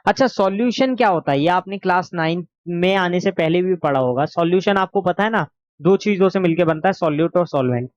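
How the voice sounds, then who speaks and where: A man's voice: sits high, fairly quick, no echo, muffled recording. Sore-throated man teaching a lesson. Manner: explains patiently, asks and answers his own questions. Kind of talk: exam revision lesson.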